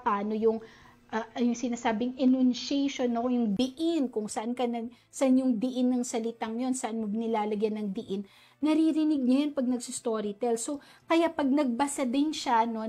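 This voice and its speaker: A woman's voice: on the high side, mellow. A woman reading teacher, politely explaining phonics and sounding out single phonemes, often ending points with a questioning "no?". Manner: demonstrates phoneme sounds, frequent "no?" tag questions.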